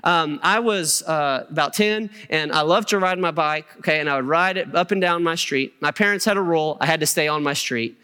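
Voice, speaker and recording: A man's voice: fairly high pitch, fairly quick, hardly any pauses, bright, forceful tone, clean tone. A middle-aged man preaching a sermon with personal stories, in a conversational way, often checking in with "okay?". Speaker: pastor. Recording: reverberant hall.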